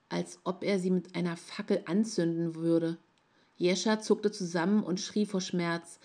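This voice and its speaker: A woman narrating a fantasy story in a calm, measured way. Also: medium pitch. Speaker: audiobook narrator.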